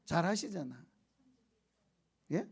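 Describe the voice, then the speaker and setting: Male pastor, high gravelly voice, animated sermon with call-and-response. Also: slow pace. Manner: animated storytelling with shouted quotes and laughter; keeps prompting the congregation for answers.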